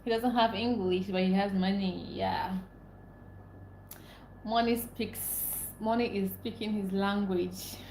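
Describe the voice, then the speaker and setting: A young Nigerian woman, a native Igbo speaker, talks slowly in a steady, medium-pitched, slightly mellow voice, with slight background noise in an echoey room with faint ambience. Hosting a casual livestream, she reads comments and chats with viewers, repeating herself and laughing often.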